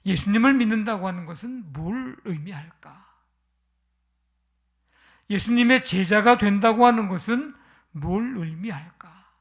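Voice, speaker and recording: Gravelly-voiced pastor preaching a sermon. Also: mid-range voice, lively intonation, unhurried, long pauses. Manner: retells scripture as a story with rhetorical questions. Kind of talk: Sunday sermon.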